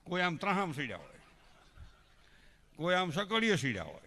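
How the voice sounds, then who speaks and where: A man's voice: high voice, huge pitch swings, normal speed, bright, forceful tone. A middle-aged man with a Kathiawadi Gujarati accent telling folksy comic stories on stage at a religious festival, speaking into a stage microphone and acting out the villagers he quotes. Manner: folksy, addresses the crowd as elders, acts out quoted villagers. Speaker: folk stage performer and joke-teller. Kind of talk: live stage comedy storytelling. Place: religious festival pavilion before a crowd. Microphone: stage microphone on a stand.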